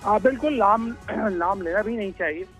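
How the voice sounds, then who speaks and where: A man speaking as a news correspondent in a live analysis, pausing often with drawn-out fillers. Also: high voice, fairly bright tone, faint music behind, low-quality recording. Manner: hesitant, many drawn-out fillers.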